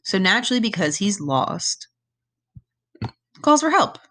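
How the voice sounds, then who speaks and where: In a recorded lesson, a woman reads a myth aloud and explains it step by step, frequently checking in with her students and voicing quoted lines with animation. Her mid-range voice keeps a measured pace, with a little hiss or hum in the background.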